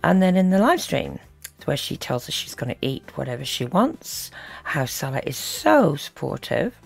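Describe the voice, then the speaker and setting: A woman's voice: low-pitched, big pitch swings, normal speed, gravelly, slightly rough. A woman giving critical reaction commentary as host, disapproving and full of sarcastic asides.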